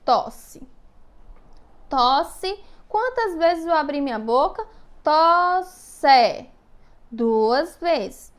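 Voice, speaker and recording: A woman's voice: high voice, expressive. A woman teacher giving a recorded lesson to young children, speaking patiently, stretching out syllables and often checking in with her listeners. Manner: slow, patient, drawn-out syllables with frequent check-in questions.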